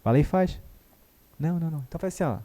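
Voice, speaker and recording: A man, a guest therapist telling a story in a lively way and acting out the dialogue. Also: on the high side, very fast. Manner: animated, acts out dialogue. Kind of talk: conversational storytelling.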